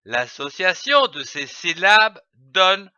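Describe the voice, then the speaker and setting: A man with a bright, fairly high voice leads a children's phonics lesson. He spells out each letter and sounds every syllable with great deliberation, very slowly and with a lively, rising and falling pitch. The recording is dry and a little dull. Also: clean tone, dry recording. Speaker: reading teacher.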